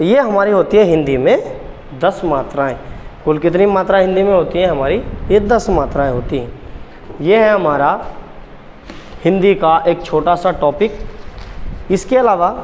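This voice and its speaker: A man's voice: high voice, animated, a little slow, pauses often, a little mellow, big-room sound, a little hiss or hum. A man teaching Hindi grammar at a board, repeating key points and quizzing the class with questions. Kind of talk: blackboard lesson.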